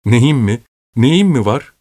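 A man voicing an excitable young painter, passionate and breathless with joy, in a storybook reading. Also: mid-range voice, slow, no echo, clean studio sound, pitched above the performer's own voice. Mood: impassioned.

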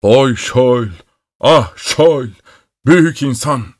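A man's voice: sits low, normal speed, darkish tone, smooth, no echo, clean studio sound, natural voice. A man voicing a grumbling old bearded male synagogue caretaker in a storybook reading, with a sleepy, drawling, sing-song delivery. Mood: lamenting.

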